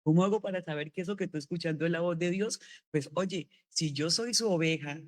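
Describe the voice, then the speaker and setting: A middle-aged woman preaching a sermon to her congregation. She talks in a relaxed, conversational way, asks one rhetorical question after another and keeps checking in with a quick tag question. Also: on the low side.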